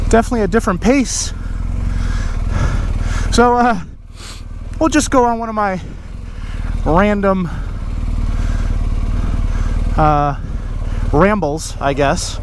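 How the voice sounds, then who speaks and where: A man's voice: high voice, a little hiss or hum. A man in his thirties riding a motorcycle on trails, vlogging in a laid-back, rambling way, winded from a cold. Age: 30s. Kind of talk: casual vlog narration while riding. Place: outdoors on wooded trails. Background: motorcycle engine, outdoor ambience.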